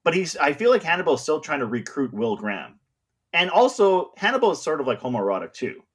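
A man's voice: a little high, sing-song, fast talker, a bit bright, breathy edge. A man talking casually and enthusiastically about a film, rambling with lots of fillers.

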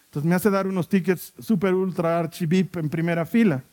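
A man's voice: high-pitched, a little fast. A man, a pastor telling a personal story in a sermon and acting out the people in it. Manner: animated storyteller acting out quoted voices.

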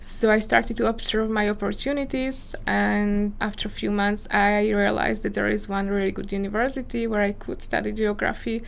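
A Slovak woman in her twenties, a visiting scholar, earnestly answers interview questions in English as a non-native speaker, searching for her words. Her Slovak-accented voice is medium-pitched and flat, with vocal fry, normal speed, and few pauses.

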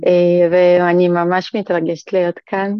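A woman's voice: lowish voice, level tone, clear, resonant tone, no echo, dull audio. A woman speaking as a podcast guest in an earnest, hesitant way, with many restarts. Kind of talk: casual podcast chat.

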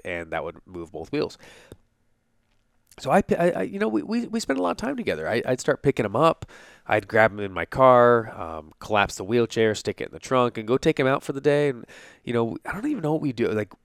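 Recorded close to the mic with a dry sound and no room sound, a podcast host in his thirties recounts a personal story. His low, smooth, resonant voice is stuffy-nosed but animated, and he speaks slowly, breaking off and restarting sentences with plenty of fillers.

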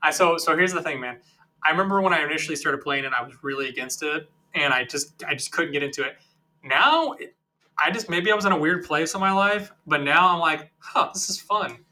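A man's voice: fairly high pitch, expressive, brisk, sharp tone. A man co-hosting a casual gaming podcast, rambling and joking with frequent restarts. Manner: rambling, restarts, jokey asides. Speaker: podcast co-host. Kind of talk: casual chat.

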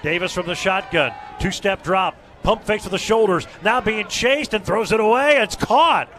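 A man's voice: sits high, moderate pace, fairly bright tone. A man calling football play-by-play in live sports commentary. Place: outdoor football stadium broadcast.

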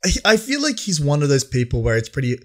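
A man in relaxed podcast chat who mostly agrees with his friend and often restarts his sentences. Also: a little high, fast talker. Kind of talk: casual chat.

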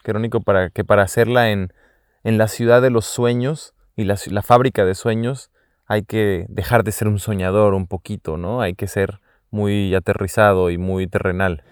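A man's voice: lowish voice, steady tone, normal speed, clear, resonant tone, dry recording, clean studio sound. A man interviewing a guest, politely following up with his own remarks. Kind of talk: conversational interview.

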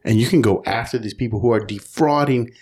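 A man's voice: medium pitch, a little fast, darkish tone, breathy edge. A man co-hosting a podcast, casually and bluntly arguing about plot holes. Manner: blunt, argumentative. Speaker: podcast co-host. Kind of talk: casual chat.

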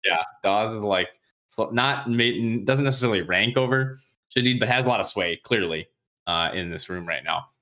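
Guy on a podcast with a lowish voice, retelling a book and doing the characters' lines, swears a lot. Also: bright, forceful tone. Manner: acts out characters' lines in quick casual voices, swears freely. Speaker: podcast host recapping a book. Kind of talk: casual chat.

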